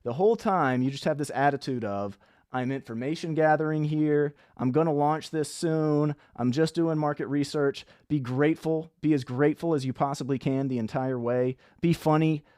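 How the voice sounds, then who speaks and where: A man's voice: a little high, moderate pace, dark tone, clean tone, no echo, studio quality. Blunt, chatty male business coach. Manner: blunt, conversational, acts out sample dialogues. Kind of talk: direct-to-camera coaching talk.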